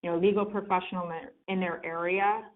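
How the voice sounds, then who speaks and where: A woman's voice: lowish voice, fairly even intonation, quick pace. A woman speaking as a guest expert over a conference call line. She explains in an easygoing, conversational way and uses plenty of filler words. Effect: heard over a conference call phone line. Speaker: guest expert on client reviews. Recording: tinny phone-line teleconference audio.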